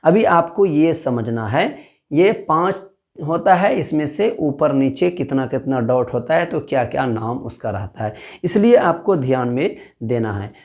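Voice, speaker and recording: A man's voice: medium pitch, lively intonation, measured pace, a little mellow. A man teaching an online alphabet lesson. He recites the letter names one by one, repeats his points and quizzes the viewer to check they follow. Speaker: Urdu teacher.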